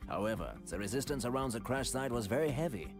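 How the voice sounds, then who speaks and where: A man's voice: medium pitch, lively intonation, fast, music in the background, lightly acted. A man playing a formal, sober soldier recounting a mission in a war game.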